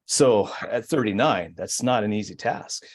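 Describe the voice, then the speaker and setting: A man's voice: lowish voice, unhurried. A man in his forties, a podcast guest, telling his story in a reflective, hesitant way with many fillers. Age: 40s. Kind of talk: casual storytelling.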